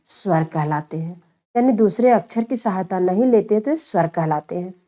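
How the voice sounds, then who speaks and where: A woman's voice: medium pitch, animated, normal speed, dark tone. A woman teaching a grammar lesson, often asking a question and then answering it herself, and often calling her listeners children. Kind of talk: online Hindi grammar lesson.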